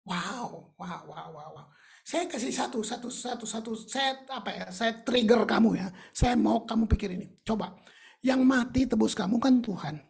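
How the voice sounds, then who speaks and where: A woman preacher delivers an emphatic, colloquial sermon. Her voice is very husky and gravelly, and it sits a little high. She drops English phrases into her preaching. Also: moderate pace, darkish tone.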